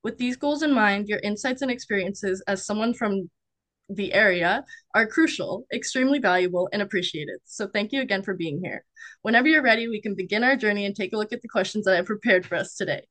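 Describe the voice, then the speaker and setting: A young adult student conducts a class interview, reading a formal opening before shifting into friendly chat and laughing often. Her mid-range voice is brisk and fairly bright, recorded with no echo.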